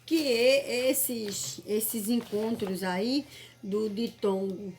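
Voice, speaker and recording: A woman with a Brazilian Portuguese accent teaching an online class, speaking slowly, repeating words and often checking "certo?". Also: fairly high pitch, steady tone, darkish tone, slight background noise. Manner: slow, repetitive, checks with "certo?".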